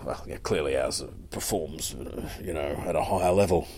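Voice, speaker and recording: A man's voice: very deep voice, normal speed, darkish tone. A man co-hosting a podcast, chatting casually and rambling along with many restarts. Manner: rambling, full of restarts and fillers. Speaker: podcast co-host. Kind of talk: casual chat.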